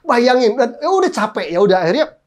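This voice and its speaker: A man in his thirties, a pastor, preaching a sermon through lively, humorous personal stories full of exclamations. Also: very high-pitched, quick pace.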